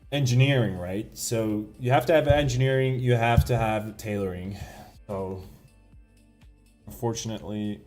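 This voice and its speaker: A man's voice: on the low side, a little mellow. A young man, streaming a game and chatting casually, rambling and correcting himself, chuckling now and then. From Sweden. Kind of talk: casual live-stream chat while gaming.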